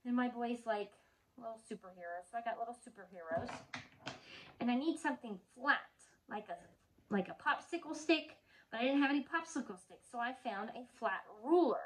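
A woman preschool teacher at home reading a picture book aloud to children, animated and gasping with chatty asides. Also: a little high, moderate pace, poor audio.

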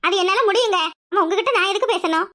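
Curt, sharp-tongued young village woman with a southern Tamil accent, cartoon. Very high, bright voice and rapid delivery. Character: young unmarried village woman, stern, dutiful daughter. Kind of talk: cartoon voice acting.

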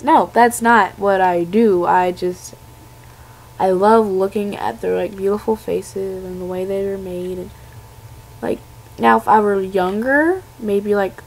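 Congested young woman with a gravelly voice. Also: medium pitch, a little mellow, rough recording. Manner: rambling, filler-heavy, exasperated. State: congested from a cold. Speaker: vlogger. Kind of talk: rambling rant to camera.

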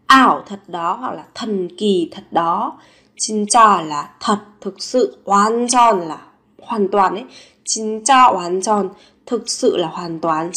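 Woman teacher with a Vietnamese accent, mid-pitched, repeating phrases slowly and expressively for learners. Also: bright, forceful tone. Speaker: Korean language teacher. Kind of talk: language lesson.

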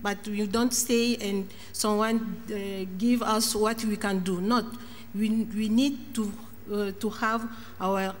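A woman from Mali with a West African French accent, a native French speaker presenting nervously and haltingly in her second language. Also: on the high side. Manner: nervous, hesitant, searching for words. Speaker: panel presenter. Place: large conference room. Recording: echoey hall with background noise.

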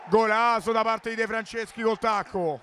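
A man giving excited, breathless live futsal commentary, shouting out plays and repeating his exclamations. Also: high-pitched, moderate pace. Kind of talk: live sports play-by-play commentary. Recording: noisy indoor sports hall.

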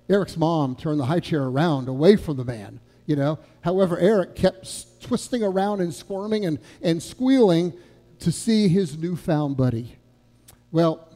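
Guy pastor preaching, earnest, asks lots of questions, mellow tone, echoey sanctuary. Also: high voice. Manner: earnest storytelling with rhetorical questions. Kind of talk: sermon. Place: church sanctuary. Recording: long church reverb.

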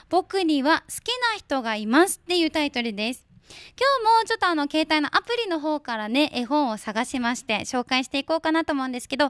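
A woman hosting a morning community radio show. She chats with listeners and reads a picture book aloud in a gentle, friendly way. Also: sits high, no echo. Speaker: radio host. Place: radio studio.

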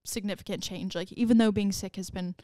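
A woman's voice: mid-range voice, steady tone, fairly quick, dark tone, dry recording, studio quality. A pregnant woman in her twenties co-hosting a casual podcast chat, rambling and giggling with lots of "like"s. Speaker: podcast co-host.

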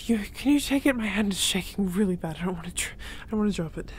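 A woman voicing a gentle, emotional young male reborn spirit in an audio role-play, breathless and given to nervous sighs and laughs. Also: mid-range voice, lively intonation, fast, slight background noise, natural voice. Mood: breathless, grateful.

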